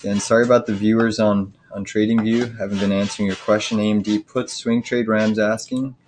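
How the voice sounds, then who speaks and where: Guy with a lowish voice casually calling the markets on a stream, bit of background noise. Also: little pitch movement, brisk, a little mellow. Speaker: live trading stream host. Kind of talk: live market commentary, casual. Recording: faint noise, clicking and scratching behind. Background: cat scratching, clicking.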